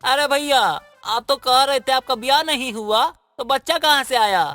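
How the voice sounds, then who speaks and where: A cowardly rustic goon sidekick in an animated story, forever complaining and begging to be spared. The tone is high and bright with a sharp, whining edge. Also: normal speed, dry recording, faint music behind. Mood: whiny. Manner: complaining, rustic and self-pitying. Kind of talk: cartoon voice acting.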